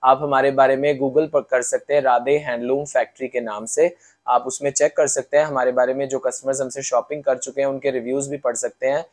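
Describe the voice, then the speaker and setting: A man in his forties, a shop owner seated indoors with a lapel mic, giving an earnest sales pitch and slowly repeating the web details. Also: level tone. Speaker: shop owner presenting products. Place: indoor showroom, on a sofa.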